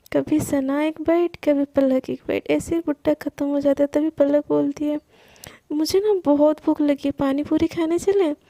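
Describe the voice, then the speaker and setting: A young woman tells a story in a chatty, casual way and voices the characters' lines herself. Her voice sits high and steady, with a mellow, gravelly texture. The recording is dry and close. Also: no room sound. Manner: narrates in a chatty way, voicing both girls' lines. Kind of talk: casual storytelling narration with acted dialogue.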